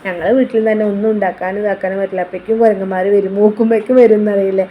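A woman's voice: medium pitch, flat delivery, racing, phone-quality sound, a little hiss or hum. A woman, chatting casually in her vlog and giving motherly advice. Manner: chatty, keeps adding a tag word, warm motherly advice. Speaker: vlogger.

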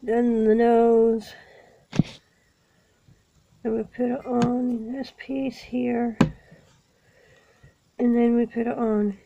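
A woman with a sniffly cold, calmly narrating each step of building a small toy set in a casual vlog. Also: a little high, extremely slow, vocal fry, long pauses, dull audio, noisy background. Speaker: toy vlogger. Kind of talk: casual unboxing and building walkthrough.

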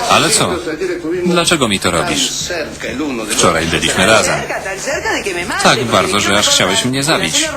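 A man reading a voice-over for a TV drama, voicing every role in one steady voice without acting. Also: fairly low pitch. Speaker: voice-over reader. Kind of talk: Polish-style single-voice TV voice-over reading.

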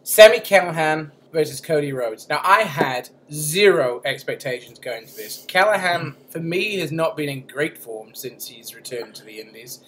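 A man's voice: on the high side, animated, moderate pace, few pauses, a bit bright. A man co-hosting a podcast, talking casually, joking crudely and laughing often. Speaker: podcast co-host.

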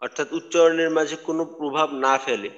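A man teaches Quran recitation in an online lecture, patiently explaining and repeating points for emphasis. His voice is on the high side, fast and fairly bright, heard through dull lo-fi audio with long reverb.

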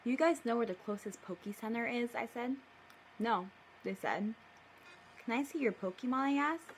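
A video creator in her young adult years reads her own story aloud casually to the camera from her living room, dropping in playful, mock-indignant asides. Her fairly high voice keeps a moderate pace, and there's a little hiss or hum.

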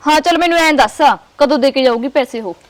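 Woman doing a village lady, high and quick, always grumbling and not trusting anyone. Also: close to an everyday voice. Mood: grudging. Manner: quick-tongued, complaining, distrustful. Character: sulky, suspicious village woman owed money. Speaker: aggrieved village woman in a comedy sketch. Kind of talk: comic village drama.

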